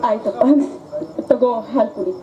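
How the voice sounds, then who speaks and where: A woman's voice: fairly high pitch, normal speed, close to an everyday voice. Woman playing a tearful, grieving mother. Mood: hushed. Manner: tearful, declamatory stage delivery. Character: grieving mother, poisoning her own son. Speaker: stage actor. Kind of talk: live folk stage drama. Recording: lo-fi live recording, loud music behind.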